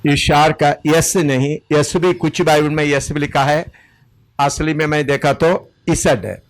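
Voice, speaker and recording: A man teaching a Bible study, slowly giving verse references, pausing as he writes and correcting himself. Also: a little high. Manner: deliberate, pauses while writing, self-correcting.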